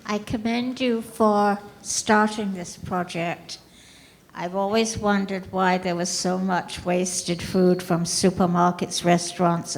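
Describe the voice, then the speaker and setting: A woman's voice: fairly low pitch, darkish tone. An older woman making an unscripted comment from the audience at a talk. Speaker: audience member. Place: lecture hall. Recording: reverberant hall.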